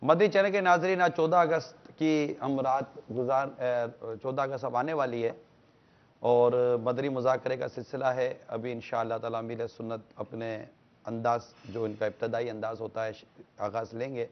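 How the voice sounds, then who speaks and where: A man's voice: mid-range voice, level tone. A man from Pakistan co-hosts a religious talk show, announcing to viewers in a mid-range voice. The broadcast sound is dull and lo-fi. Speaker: co-host.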